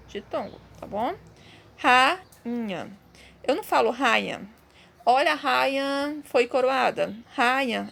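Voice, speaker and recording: A Brazilian woman with a slightly high voice and some vocal fry gives a Portuguese lesson in a recorded online class. She walks her students through it patiently, step by step, checking in with them frequently.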